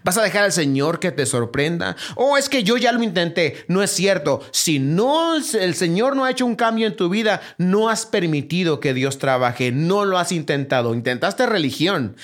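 The sermon comes from a man acting as pastor who keeps returning to rhetorical questions to drive home each point. His voice alternates between low, soft phrasing and raised, higher, urgent exhortation.

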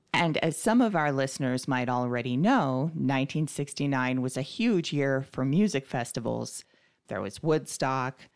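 Very low-voiced woman telling a story. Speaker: podcast co-host. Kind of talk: casual storytelling chat.

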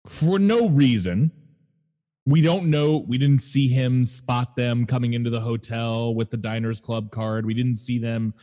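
A man co-hosting a casual movie discussion, slow and halting, often restarting his phrases. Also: mid-range voice, dark tone, long reverb tail.

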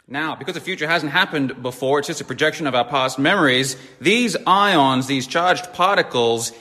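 Blunt male self-help lecturer, bright and forceful, with a long hall echo. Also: on the high side. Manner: blunt, emphatic, swears. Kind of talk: lecture with sales pitch.

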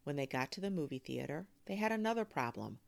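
Very low gravelly lady reading a kids story out loud, lively and expressive. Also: fast, no echo. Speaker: storyteller host. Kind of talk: children's story read-aloud.

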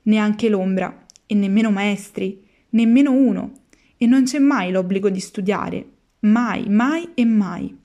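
A woman's voice: mid-range voice, a little slow, dark tone, natural voice. A woman voicing a cocky truant boy who boasts and tempts his friend. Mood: boastful.

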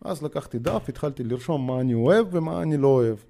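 Warm-voiced man with a Russian accent. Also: mid-range voice, lively intonation, vocal fry. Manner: hesitant, halting, many filler sounds. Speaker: podcast guest. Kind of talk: personal storytelling.

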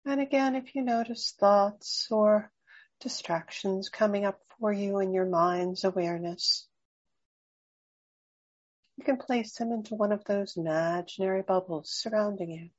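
Soft-spoken woman guiding a breathing meditation. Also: medium pitch, highs cut off. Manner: slow, soft, soothing and unhurried. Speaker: meditation guide.

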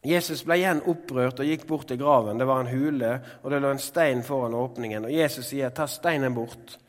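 A man preaching a sermon in a relaxed, conversational way, with filler words, who now and then rises to loud proclamations. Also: mid-range voice, big-room sound.

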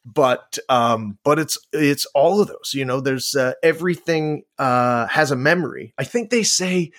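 A man's voice: medium pitch, measured pace, a bit bright. A man co-hosting a casual chat, rambling with lots of fillers and restarts. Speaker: podcast co-host.

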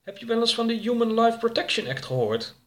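A man's voice: very high-pitched, sing-song, a little fast, a bit bright, pitched above the performer's own voice, full character voice. A man voicing a guarded, curt woman who organizes a private party. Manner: curt, dismissive.

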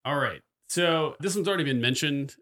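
A man's voice: a little high, a little fast. A man co-hosting a casual gaming podcast, talking eagerly and often repeating words as he gets going. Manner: enthusiastic, repeats words when excited. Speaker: podcast co-host. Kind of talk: casual chat.

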